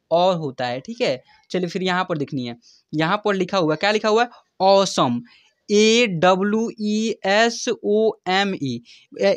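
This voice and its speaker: A man's voice: high-pitched, no echo, studio quality. A man teaching a spoken lesson, spelling words letter by letter and asking his students questions. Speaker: English teacher on a video channel.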